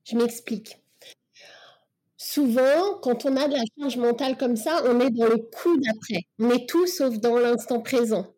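Woman on a podcast, reflective coaching vibe, kinda high voice, lots of euh. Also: measured pace, warm tone. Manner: reflective, coaching tone with many fillers. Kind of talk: casual podcast conversation.

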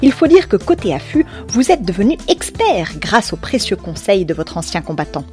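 A woman narrates a scripted story in the second person, voice sitting in a middle register. Her delivery is wry and ironic, with slangy asides. Soft music plays faintly behind her. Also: mid-range voice, very animated, normal speed.

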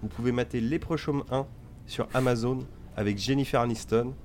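A man's voice: medium pitch, fairly even intonation, moderate pace, darkish tone. A man co-hosting a film podcast, chatty and joking as he recommends films. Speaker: podcast co-host. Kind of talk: casual film chat.

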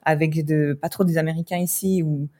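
A woman's voice: deep voice, fairly even intonation, brisk, dark tone. A woman from France, a wedding photographer, chatting casually in a podcast interview with lots of fillers and laughter.

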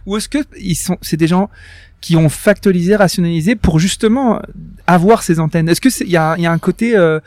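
Probing interviewer, a man with a slightly high voice. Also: brisk, a little mellow, no room sound. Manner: probing, asks long questions. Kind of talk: conversational interview.

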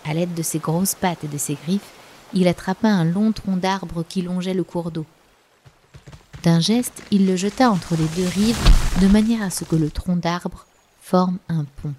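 A woman narrating a children's story in a gentle, expressive scripted reading. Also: fairly low pitch, a little slow, slight background noise.

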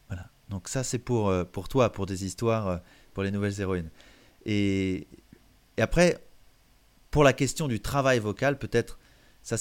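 A man, a voice coach, explaining vocal technique in an interview in an animated way, often restarting his sentences. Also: mid-range voice.

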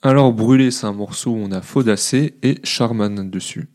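A man with a somewhat low voice hosts a relaxed album-review chat. He talks informally and gets halting, repeating his words when a track moves him. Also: over music. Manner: hesitant, repeats himself when moved. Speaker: podcast co-host reviewing a rap album. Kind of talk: casual chat.

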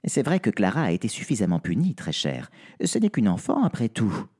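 A man plays a sweet vampire countess, soothing and tender, in a mellow, husky voice with a lively lilt. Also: lowish voice, brisk, exaggerated voice.

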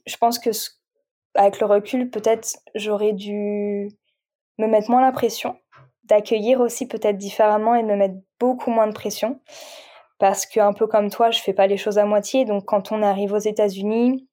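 A woman's voice: mid-range voice, level tone, normal speed, warm tone. A woman guest on a podcast, talking frankly and reflectively in a casual conversation, often restarting her sentences.

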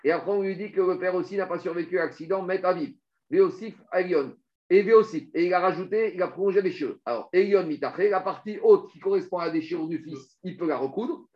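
A man teaching a Talmud lesson, explaining rapidly and animatedly while reading out Hebrew and Aramaic passages. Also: high voice. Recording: dull lo-fi recording.

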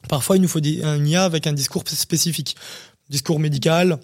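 A man's voice: fairly high pitch, fairly even intonation, a little fast. A man, a startup CEO, explaining his company in a casual interview, talking with many fillers.

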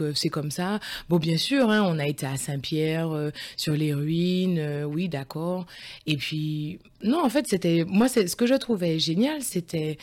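A woman in her forties, a podcast guest in a conversational interview, answers thoughtfully but with many hesitations and restarts. Her voice is fairly low and darkish in tone.

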